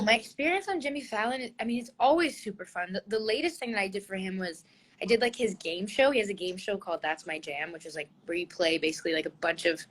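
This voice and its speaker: A young woman guesting on a casual livestream chat, effusive and giggly, with lots of filler "like". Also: mid-range voice. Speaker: guest singer.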